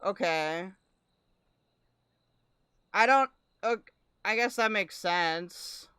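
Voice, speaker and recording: A woman's voice: medium pitch, drawn-out words, pushed and bright, smooth, dry recording. A woman streamer giving casual live commentary and reading chat comments aloud. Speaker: streamer reacting to a recording.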